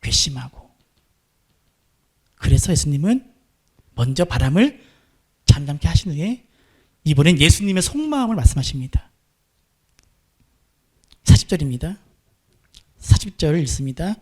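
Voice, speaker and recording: Lively, high-voiced preaching man. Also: normal speed, long pauses, husky. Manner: asks the congregation questions and answers them himself; dramatic, conversational preaching. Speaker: pastor. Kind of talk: sermon.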